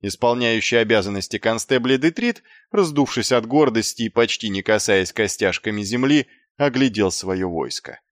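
A man narrating a fantasy audiobook in a lively, theatrical reading. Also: fairly low pitch, moderate pace, few pauses, no echo, clean studio sound.

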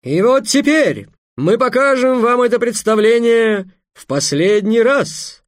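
A man's voice: extremely high pitch, sing-song, unhurried, no echo, studio quality, voice pushed up, full character voice. A man voicing a sweaty, pompous showman announcing a play with grand solemnity. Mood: grandiose.

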